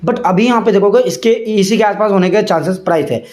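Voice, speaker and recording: This man hosts a casual crypto explainer video, chatty and constantly saying "ठीक है" and "यहाँ पे." He speaks at a quick pace in a high-pitched, slightly mellow voice, with a roomy sound.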